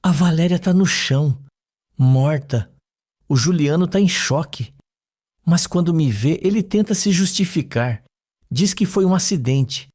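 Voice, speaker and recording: A man with a slightly high, pushed-up voice reads at a measured pace with a somewhat mellow tone. His lines belong to a frightened young woman recalling a scene under hypnosis, delivered in a dreamy, trembling manner. It is a tense soap opera recap read aloud.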